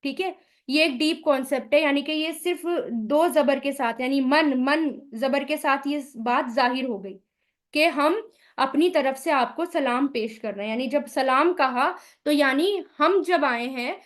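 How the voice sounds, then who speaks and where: High-voiced woman teaching Quran grammar. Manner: asks the listener questions, then answers them; spells out Arabic vowel sounds slowly. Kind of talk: explaining Arabic grammar in a recorded lesson.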